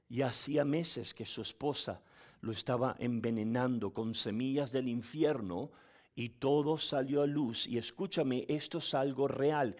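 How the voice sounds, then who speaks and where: A pastor delivers a sermon in an animated storytelling manner, acting out voices and laughing as he tells a story. His voice is medium-pitched.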